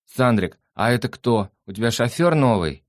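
A man voicing a flighty young party girl with a high thin voice who pesters with questions. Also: lively intonation, moderate pace, no room sound, studio quality, natural voice. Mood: prying.

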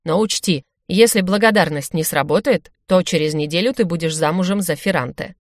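A gloomy colonel and stern father, read by a woman, grumbles gruffly at his daughter. The sound is dry and close. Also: lowish voice, fairly quick, dry recording, lightly acted.

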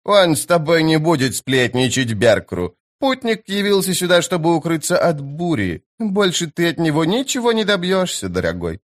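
A man's voice: fairly high pitch, sing-song, moderate pace, few pauses, pitched above the performer's own voice. A man voicing an eerie old woman fortune-teller who speaks in a sly, teasing, grating way. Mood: sly mocking.

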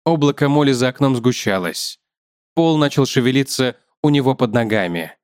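A man narrating an audiobook story in a measured, even way. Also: medium pitch, smooth, dry recording, studio quality.

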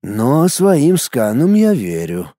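A man voicing a calm, enigmatic male field medic who speaks slowly and detachedly, drawing out his words. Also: mid-range voice, dry recording, studio quality. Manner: slow, detached, drawn out.

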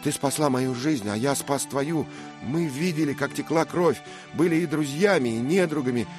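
A man's voice: sits low, animated, normal speed, over music, voice pushed up. A man voicing a bold, impulsive young squire who speaks in fervent exclamations, in a read-aloud story.

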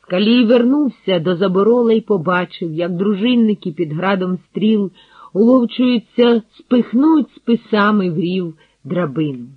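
A man narrating an audiobook in a measured, dramatic storytelling manner, recorded dry and tinny like over a phone line. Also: high-pitched, lively intonation, slightly rough, no room sound. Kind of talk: dramatic literary reading.

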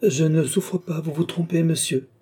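A man's voice: on the high side, fairly even intonation, normal speed, warm tone, husky, pitched above the performer's own voice. A man voicing a proud, scornful young noblewoman with haughty, cutting retorts.

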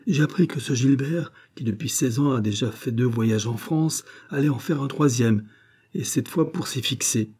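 Guy putting on a strained entranced young countess, pitched up a bit, husky dark tone. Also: normal speed, lightly acted. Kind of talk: audiobook character voice.

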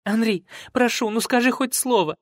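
A man's voice: very high-pitched, normal speed, dry recording, studio quality, pitched above the performer's own voice. A man voicing a desperate young woman who begs for forgiveness in pleading cries.

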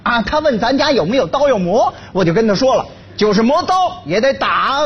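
An actor playing a laid-off, henpecked husband in a stage comedy sketch, who brags loudly and then grovels and stammers before his wife. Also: very high voice, big pitch swings, a little fast, breathy edge, highs cut off, exaggerated voice. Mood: fawning.

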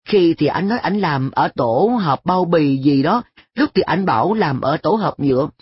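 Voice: mid-range voice, expressive, normal speed, husky, no room sound, lo-fi sound, voice pushed up. A reader voicing a carefree, cheeky schoolboy who talks in an offhand, shrugging way in a story reading. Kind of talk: audiobook dialogue.

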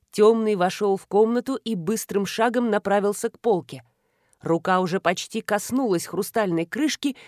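A woman narrating a fantasy novel in an expressive, dramatic reading. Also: medium pitch, no room sound, clean studio sound. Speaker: audiobook narrator. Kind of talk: scripted narration.

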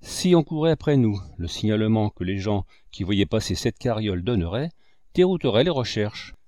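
A man reading a classic novel aloud as an audiobook narrator, in an expressive manner. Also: normal speed, dry recording, studio quality. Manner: expressive, with a wide pitch range.

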